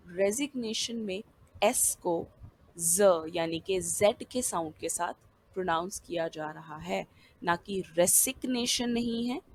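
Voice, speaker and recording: A woman's voice: medium pitch, a little hiss or hum. Woman explaining English pronunciation. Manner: explanatory, checks in with listeners. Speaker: English teacher. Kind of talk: pronunciation lesson in Hindi with English words.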